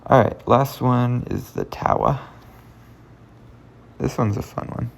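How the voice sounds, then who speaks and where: Puzzle host, male, unhurried casual commentary, deep gravel in the voice, mutters asides while he works. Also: wildly swooping pitch. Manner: thinks aloud, mutters and half-whispers while working things out.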